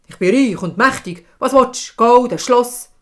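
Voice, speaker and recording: A woman's voice: mid-range voice, a little slow, darkish tone, natural voice. A woman storyteller with a Swiss German accent voicing a proud, impatient king who speaks curtly.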